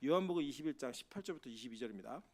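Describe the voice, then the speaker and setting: A man's voice: medium pitch, expressive, rapid-fire, a little mellow. A man preaching a sermon as pastor of a church, asking the congregation questions and acting out Bible figures in quoted speech.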